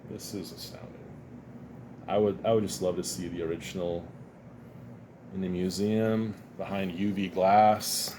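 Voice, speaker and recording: A comic collector vlogger with a low voice talks at a measured pace, pausing often, over a faint hiss or hum. He chats casually and rambles while showing off his comic and card haul, chuckling often and sounding a bit sniffly from dust.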